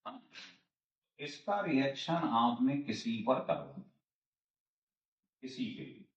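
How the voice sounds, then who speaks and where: A man's voice: mid-range voice, sing-song, takes it slowly. A man giving a chemistry lecture, explaining each step over and over and answering his own questions. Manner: repetitive step-by-step explaining, asks and answers himself. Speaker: chemistry teacher. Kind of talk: classroom lecture. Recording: roomy, distant and dull-sounding.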